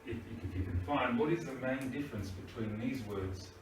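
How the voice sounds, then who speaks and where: A man's voice: mid-range voice, moderate pace, slight background noise. A man teaching English grammar to a class, patiently asking "right?" as he checks that the class follows. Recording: echoey room, mic far off.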